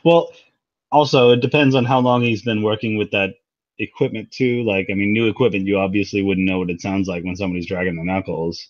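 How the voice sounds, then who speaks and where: A man's voice: on the low side, steady tone, brisk, no room sound. A man musing aloud on a casual podcast, thoughtful and a little hesitant. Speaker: podcast co-host. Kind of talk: casual chat. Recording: dull lo-fi sound.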